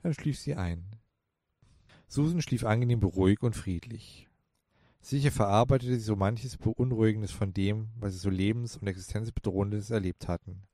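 Male audiobook narrator, low-pitched, measured and calm, dry studio read. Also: no room sound. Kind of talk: scripted narration.

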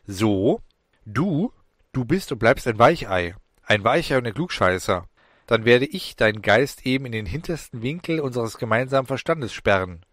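A man voicing a cocky, bloodthirsty young male demon who talks in a falsely gentle, taunting way in a storybook reading. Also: medium pitch, animated, brisk, no room sound, studio quality, close to an everyday voice.

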